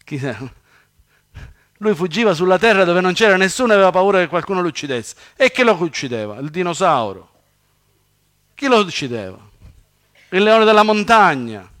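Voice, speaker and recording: A slightly high-voiced man delivers a sermon. He preaches with animated swings, rising loud on quoted scripture and dropping low for quick asides.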